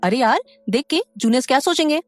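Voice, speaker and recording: A woman's voice: sits high, lively intonation, fast talker, soft background music, pitched above the performer's own voice. A woman voicing a bossy, joking young male student in an audio story, bantering with his friends.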